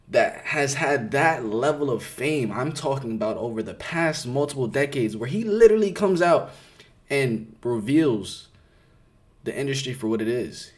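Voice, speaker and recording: A man with a New York accent gives casual commentary to camera as a reaction host. He sounds skeptical and emphatic, leans on repeated words, and keeps his voice at a middling pitch.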